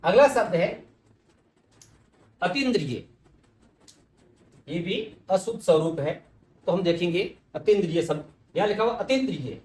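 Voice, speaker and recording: Man, teacher, fairly high voice, echoey room, patient, repeats words, asks and answers own questions. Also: lively intonation, moderate pace, long pauses, darkish tone. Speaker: Hindi spelling teacher. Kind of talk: exam-prep lesson.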